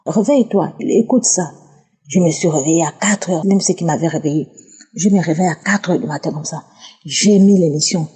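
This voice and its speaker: A woman's voice: low voice, fairly quick, warm tone, slightly rough. A woman giving a fervent personal religious testimony, often repeating words in chains. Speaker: testifying listener.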